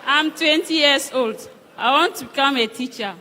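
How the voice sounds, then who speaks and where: A woman's voice: high voice, moderate pace, long reverb tail, over a noisy crowd, very noisy. A young woman of about twenty introducing herself politely and formally. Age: young adult. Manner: polite, formal, starting with please. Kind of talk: short self-introductions.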